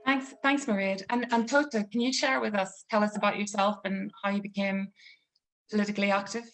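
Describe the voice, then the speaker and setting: A woman with a mid-pitched voice chairs an online discussion. She is polite and organised, thanking people and handing over with questions. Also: steady tone, fairly quick, a bit bright, poor audio. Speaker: panel moderator. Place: video call.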